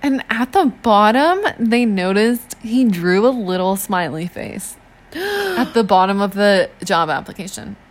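A woman's voice: medium pitch, sing-song. A woman co-hosting a podcast, telling a true crime case in a casual, slangy chat. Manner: chatty, slangy, acts out police in quick asides.

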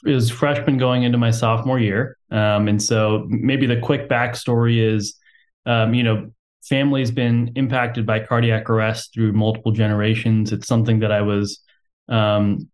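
A man's voice: on the low side, steady tone, moderate pace, darkish tone. A young man from Texas, a company co-founder, talking casually as a podcast guest with lots of "um"s and a self-deprecating humor. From Texas, USA.

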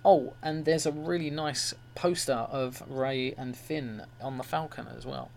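A man's voice: medium pitch, a little slow, vocal fry, darkish tone. A man hosting a fan show, giving an informal review and report. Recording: faint hum and noise.

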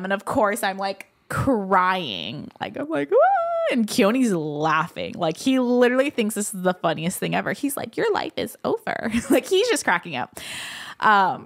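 A young woman with a slightly low-pitched voice talks as a podcast guest. Her delivery is casual and chatty, and she often fills her speech with "like." She tells her own story in an everyday conversational tone. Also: a bit bright.

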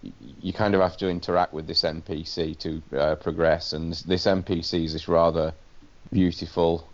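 A man's voice: deep voice, fairly even intonation, normal speed. A British man co-hosting a podcast, telling casual, sweary anecdotes about gaming. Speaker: podcast co-host. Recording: dull lo-fi podcast audio.

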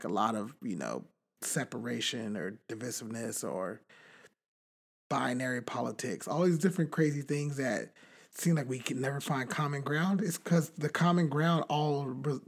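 A young adult man co-hosting a podcast, talking in a rambling, animated way with many fillers and restarts. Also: mid-range voice, breathy edge. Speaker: podcast co-host. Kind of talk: casual chat.

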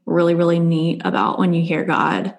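A woman's voice: fairly low pitch, level tone, moderate pace, vocal fry. A woman hosting a faith-based podcast interview, talking in an earnest, reflective way. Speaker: podcast host.

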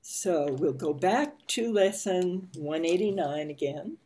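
A woman leading a spiritual study group, gently reading and teaching with pauses and soft fillers. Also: lowish voice, lively intonation. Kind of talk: slow meditative reading and teaching.

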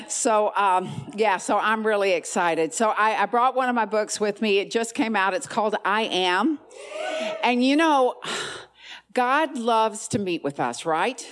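A woman giving an emphatic, rallying charismatic talk at a women's church conference. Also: mid-range voice. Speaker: women's ministry speaker.

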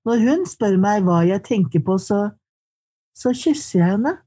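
A woman reading her poetry aloud in slow, measured lines, then answering questions in conversation. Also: mid-range voice, lively intonation, warm tone, breathy edge. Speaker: poet and guest.

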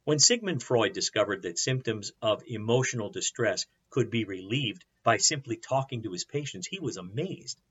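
A man preaching as a pastor, teaching in an earnest, measured way with rhetorical questions. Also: on the low side, lively intonation, a bit bright, slightly rough, muffled recording. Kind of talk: sermon.

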